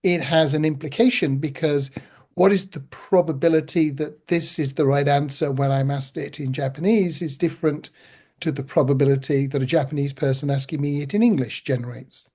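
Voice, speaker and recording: A man hosting a podcast interview, explaining things in a measured way. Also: on the high side, fairly even intonation, a little mellow, breathy edge. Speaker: podcast host. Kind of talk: casual interview talk.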